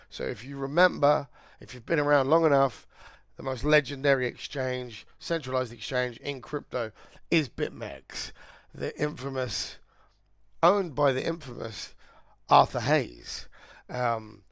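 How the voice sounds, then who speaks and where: A man with a croaky voice, talking casually and rambling while he walks through charts on a live trading stream. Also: medium pitch, no room sound. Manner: chatty, rambling, thinking aloud. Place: indoors, air-conditioned room.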